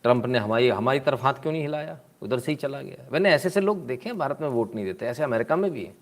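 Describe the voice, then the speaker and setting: A man doing casual political commentary in a sarcastic, mocking tone. He often clears his throat and asks "hmm?" between points. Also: medium pitch, animated, fast.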